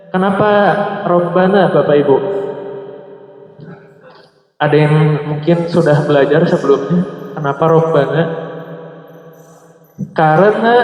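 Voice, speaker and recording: A man's voice: a little high, a little mellow. Man teaching in an echoing mosque. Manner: quizzes listeners, repeats words slowly. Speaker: Islamic teacher. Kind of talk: classroom Arabic grammar lesson. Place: mosque hall. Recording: echoey hall with long reverb.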